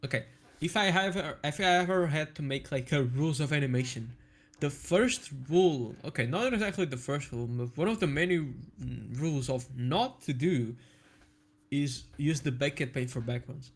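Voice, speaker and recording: A young man who is a guest on a casual online chat, with a slightly high-pitched voice. He gives blunt, slangy opinions with plenty of conviction. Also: normal speed. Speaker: guest animator.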